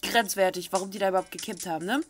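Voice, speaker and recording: This middle-aged German woman talks rapid-fire in a mid-range voice with fairly even intonation. She hosts gaming videos from a small indoor home setup, reading the game's text into a close desk microphone and adding chatty, blunt, coarse remarks over game music.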